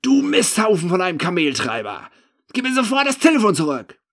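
A man voicing his own drunk, furious younger self, slurring and shouting. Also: mid-range voice, lively intonation, unhurried, breathy edge.

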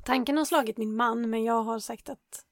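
A hoarse woman co-hosting a podcast, chatting casually and laughing often. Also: a little high, steady tone, dry recording, studio quality. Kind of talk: casual chat.

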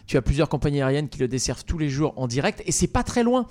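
A man's voice: on the high side, very animated, quick pace, darkish tone. A man hosting a radio show, chatting casually and teasing his co-hosts. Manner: teasing, joking. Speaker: radio host.

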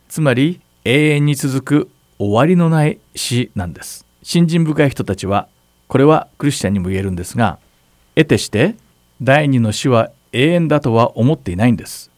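Calm pastor man, dry close sound. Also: mid-range voice, moderate pace, no echo. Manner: calm, explanatory, asks partner to read verses. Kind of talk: Bible Q&A teaching.

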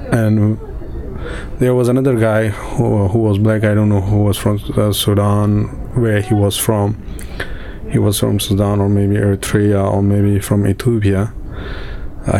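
Low, flat-voiced man. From Afghanistan. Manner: halting, with many fillers and restarts. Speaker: interviewee, refugee in a camp. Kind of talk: personal testimony in an interview.

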